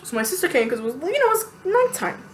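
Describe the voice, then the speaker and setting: A woman telling a personal story to camera in a casual, animated, chatty way, venting bluntly and acting out quotes. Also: very high voice, quick pace, slight background noise. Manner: animated, chatty, lots of fillers and acted-out quotes.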